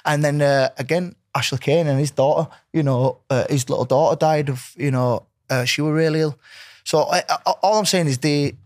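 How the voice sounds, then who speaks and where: A man's voice: on the high side, normal speed, no echo, clean studio sound. A man chatting casually as a podcast guest, earnest, rambling and matey. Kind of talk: casual chat.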